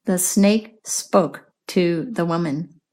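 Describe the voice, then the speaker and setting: A woman teaching English in a slow, clear lesson, patiently asking questions and repeating answers. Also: on the low side, a little mellow. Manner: patient, repeats and explains words.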